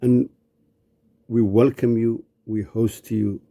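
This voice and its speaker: A man's voice: medium pitch, level tone, slow, vocal fry, warm tone. A man from Somalia speaking in an indignant, blunt monologue. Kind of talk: angry monologue.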